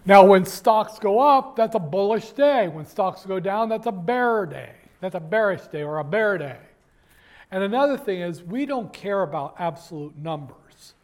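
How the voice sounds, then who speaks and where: High-voiced man lecturing a class. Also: expressive, normal speed. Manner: jokey, digressive, with many fillers and restarts; addresses students directly. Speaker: university finance lecturer. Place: university classroom.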